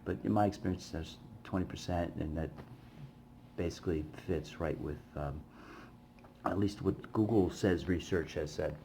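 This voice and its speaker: Low-voiced man telling rambling stories. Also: normal speed, creaky, a little hiss or hum. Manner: rambling, many fillers, animated when retelling. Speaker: vlogger, busking musician. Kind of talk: casual storytelling to camera.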